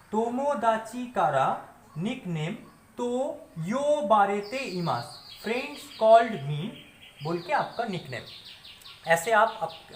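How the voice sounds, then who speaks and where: A man from India teaching Japanese phrases in a spoken lesson, with a slow, careful delivery of model phrases between quicker explanations. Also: sits high, a bit bright, echoey room, slight background noise. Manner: fillers and restarts while explaining.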